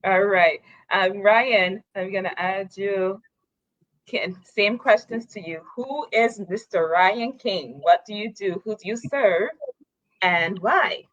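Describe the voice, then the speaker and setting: A woman's voice: mid-range voice, takes it slowly, a bit bright, dry recording. A woman hosting a live talk broadcast as a coach, upbeat and chatty. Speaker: talk show host and coach. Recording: dull, dry sound.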